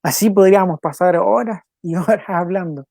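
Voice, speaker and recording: With a high-pitched, creaky, dark voice captured close and dry with no echo, a young man hosts a devotional program. He's earnest and conversational, frequently repeating phrases, tossing in quick asides, and laughing now and then through casual devotional talk and spoken prayer.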